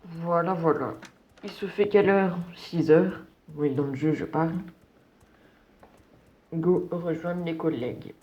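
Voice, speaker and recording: A man's voice: a little high, slow, long pauses, highs cut off. A man giving casual, slangy running commentary on a game as he plays. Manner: relaxed, slangy, chatty. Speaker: gameplay commentator.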